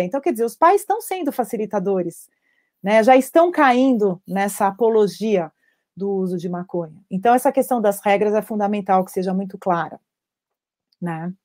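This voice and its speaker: Woman addiction counselor on a video call live stream, animated and lively, fairly high voice, keeps checking in with the listener. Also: a little fast. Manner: animated, acts out parents' quotes, frequent tag questions. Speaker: addiction treatment professional.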